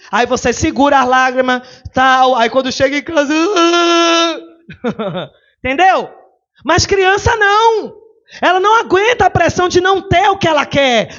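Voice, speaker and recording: Brief: woman pastor, animated sermon, high voice, dull lo-fi recording. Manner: animated, rhetorical, questions the congregation.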